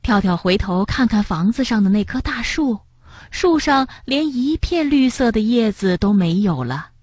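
A woman reading a children's story aloud, gentle and expressive. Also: fairly high pitch, normal speed, breathy edge, no echo.

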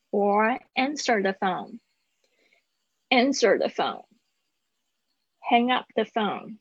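A woman's voice: on the high side, breathy edge, dry recording. Teacher woman on a dry dull stream. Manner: explains in Mandarin, models English words twice each. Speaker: English teacher. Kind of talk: live online English lesson. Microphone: online call.

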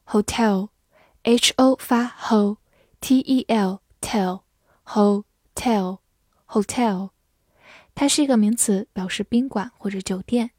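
A woman teaching English vocabulary in a scripted lesson, spelling words letter by letter and reading example sentences slowly. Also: on the high side, no echo, clean studio sound. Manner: measured, even explanatory delivery in Chinese with English words.

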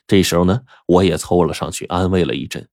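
A man narrating a first-person story for an audiobook in a colloquial, animated way. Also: low voice, quick pace, creaky, no room sound, studio quality.

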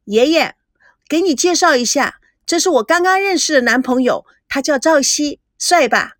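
A woman's voice: high-pitched, moderate pace, no echo, studio quality, voice pushed up. A woman voicing a spoiled, chatty teenage granddaughter who wheedles and teases. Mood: coaxing playful. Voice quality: bright, coaxing, lively.

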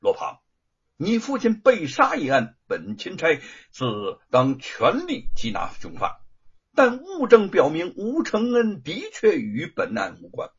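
A man voicing a stern imperial envoy who speaks in a cold, measured, commanding way. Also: high voice, huge pitch swings, breathy edge, dull audio, heavily acted.

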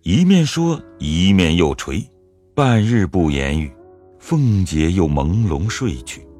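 A man narrates a classic tale for an audio drama, measured and storytelling in manner. His voice is low and a little husky, yet his pitch moves expressively. Soft music plays underneath. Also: big pitch swings.

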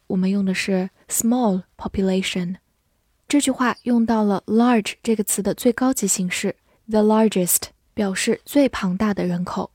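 A woman who is a Chinese-speaking English teacher, patiently spelling words letter by letter and reading example sentences slowly. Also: medium pitch, darkish tone, no room sound, studio quality. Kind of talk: vocabulary lesson, spelling and slow read-alongs.

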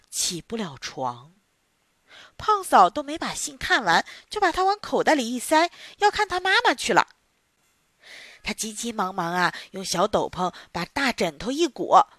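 A woman telling a children's bedtime story in an expressive, sing-song way. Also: medium pitch, no echo, studio quality.

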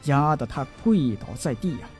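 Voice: mid-range voice, lively intonation, darkish tone, soft background music. A narrator reading a serialized audiobook chapter with emotive, dramatic delivery. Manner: emotive storytelling with drawn-out endings.

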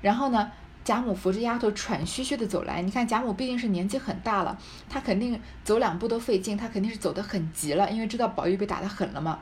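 A woman's voice: medium pitch, quick pace, slight background noise. A woman reading a classic novel aloud and explaining it in a conversational tone. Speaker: reader and commentator on a classic novel. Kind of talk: reading aloud with literary commentary.

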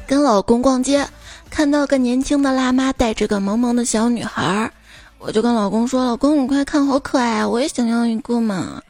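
A woman's voice: on the high side, fairly even intonation, a little fast, darkish tone, soft background music. A woman reading funny anecdotes aloud, playfully acting out the dialogue. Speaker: joke reader.

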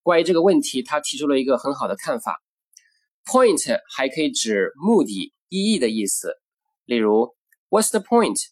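A man hosting a short English lesson, saying English phrases slowly and explaining them in Mandarin. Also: medium pitch, big pitch swings. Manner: slow, deliberate model phrases, then explains in Mandarin. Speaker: English teacher. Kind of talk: scripted language lesson.

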